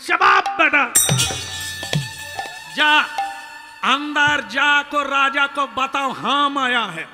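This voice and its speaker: A man voicing a stern, proud old sage in a devotional story, speaking gruffly and with command. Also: extremely high pitch, lively intonation, slow pace, full character voice. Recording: reverberant hall with music.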